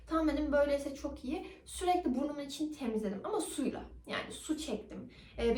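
Young woman, casual vlog storytelling, animated delivery, higher pitch, roomy echo. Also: recorded from a distance, a little hiss or hum. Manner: animated, acts out quoted dialogue. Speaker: vlogger. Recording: roomy echo, somewhat off-mic.

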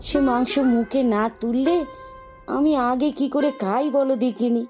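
A woman's voice: high voice, moderate pace, mellow, muffled recording, soft background music, close to an everyday voice. A woman voicing a tender village mother. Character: loving village mother, devoted to her daughter.

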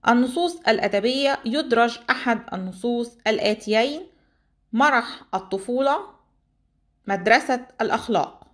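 A woman teacher with an Egyptian Arabic accent, steadily reading out a list of exam topics for students. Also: on the high side.

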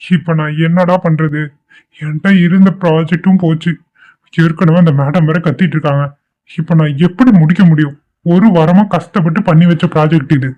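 A man's voice: a little high, steady tone, normal speed, natural voice. A man voicing a worried young office worker in a cartoon who fears his work is lost. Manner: distressed, fretful. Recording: dull lo-fi cartoon audio.

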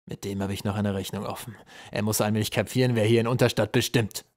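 A man's voice: on the low side, fairly even intonation, fast, darkish tone, no room sound, studio quality, natural voice. A man voicing a cruel goblin general who interrogates a prisoner in a harsh, threatening, relishing tone. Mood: menacing.

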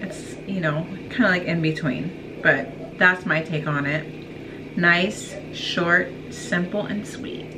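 Young woman, low voice, chatty and self-deprecating, noisy kitchen camera audio. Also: takes it slowly. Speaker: guest reviewer, host's wife. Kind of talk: casual food review. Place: home kitchen, indoors. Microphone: camera mic, medium shot.

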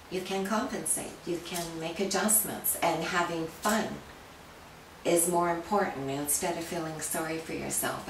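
Earnest encouraging woman in her fifties. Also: low-pitched. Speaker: interviewee. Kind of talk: interview. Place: home kitchen. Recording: roomy, distant, noisy.

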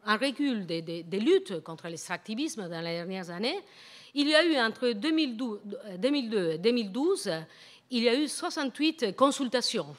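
A middle-aged native Spanish-speaking woman with a foreign, Latin American Spanish accent in French, giving a public academic lecture and often halting to search for words. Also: on the high side, lively intonation. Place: indoor lecture hall at a university. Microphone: handheld-type microphone on a stand.

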